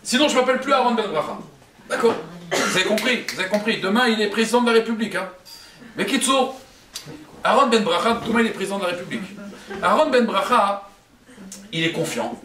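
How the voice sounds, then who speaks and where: A man telling a story to an audience in an animated way, laughing often. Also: high-pitched, brisk, long pauses. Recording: roomy, from a distance.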